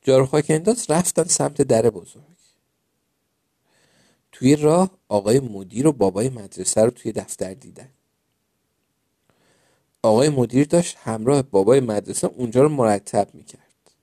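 A man reading children's stories aloud in a gentle, expressive way. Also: mid-range voice, pauses often, dry recording, studio quality. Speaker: storyteller.

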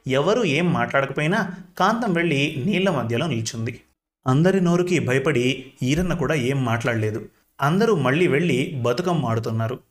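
A man reading a village tale as a storyteller, steady and even. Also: medium pitch, normal speed. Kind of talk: scripted narration.

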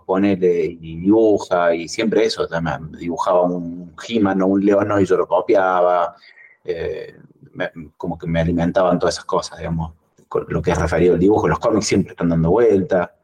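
An Argentine man chatting casually as a podcast guest, rambling and animated as he tells stories. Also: moderate pace, husky. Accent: Argentine Spanish. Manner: rambling storyteller, animated when recounting, lively pitch jumps. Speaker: guest cartoonist.

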